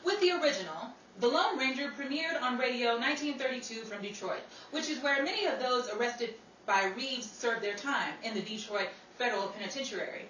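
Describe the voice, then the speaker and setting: A woman presents a scripted history segment styled like an old-time newsflash, using formal, theatrical phrasing. Her slightly high voice is animated, brisk, bright and forceful, and the recording sounds echoey, distant and faintly noisy.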